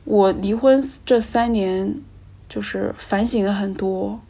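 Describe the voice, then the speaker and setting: A woman's voice: medium pitch, slow pace, mellow. A woman telling her own personal story in a reflective, candid and emotional way.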